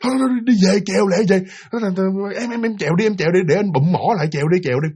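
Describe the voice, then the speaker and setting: A man's voice: high-pitched, very fast, darkish tone, breathy edge. A man voicing a frightened older brother who urgently tells his sister to row away, in a spoken ghost story. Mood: panicked. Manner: urgent, repeating words. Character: panicked older brother urging everyone to flee.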